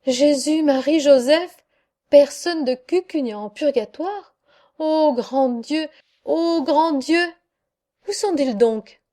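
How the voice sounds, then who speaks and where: A worried village priest begs and exclaims in fervent, imploring tones, voiced by a woman narrator. The voice sits high and mellow, and he speaks slowly, pleading with each word. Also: expressive. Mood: dismayed. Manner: pleading, fervent, easily alarmed. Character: anxious village priest, a middle-aged man.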